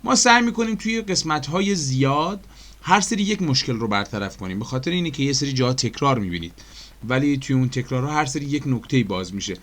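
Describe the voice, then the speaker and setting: With an Iranian Persian accent, a man gives a chatty, screen-recorded animation tutorial, walking through each step with plenty of fillers and questions for his viewers, whom he calls dear friends. His mid-range voice is animated and fairly bright.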